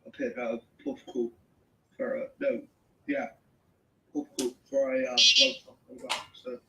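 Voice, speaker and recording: A man's voice: medium pitch, sing-song, unhurried, vocal fry, sharp tone, a little hiss or hum. A man chatting casually on a wrestling podcast, chiming in eagerly with short remarks. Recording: roomy echo.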